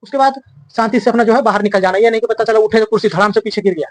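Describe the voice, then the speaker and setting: Fast-talking coaching teacher. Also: male voice, sits high, fairly even intonation, dry recording. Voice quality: chatty, checks in often with "theek na?". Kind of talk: casual instructive talk to students.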